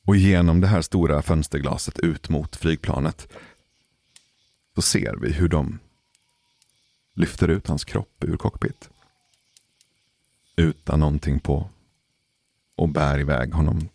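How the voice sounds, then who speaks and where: Super deep guy with a gravelly voice, slow suspenseful storytelling, dry close mic. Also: darkish tone, no echo. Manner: measured, deliberate pauses for suspense. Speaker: podcast storyteller. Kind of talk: casual spoken storytelling.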